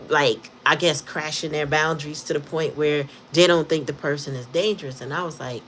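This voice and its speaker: A woman's voice: low voice, fairly even intonation, fairly quick, a bit bright, low-quality recording. Woman, tarot reader, casual slangy storytelling, frequent laughter, faint noise behind. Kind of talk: casual tarot reading chat.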